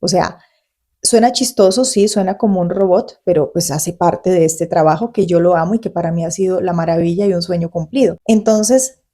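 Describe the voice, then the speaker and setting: A Colombian woman in her forties who talks quickly and conversationally to the camera as a Spanish tutor hosting her own channel. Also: fairly low pitch, mellow. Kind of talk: casual talk to camera.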